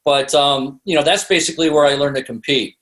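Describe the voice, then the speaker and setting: Speaking brisk and slightly bright, this middle-aged podcast guest has a fairly high pitch and fairly even intonation. He's a sales expert and author who rambles through casual interview stories, full of "you know."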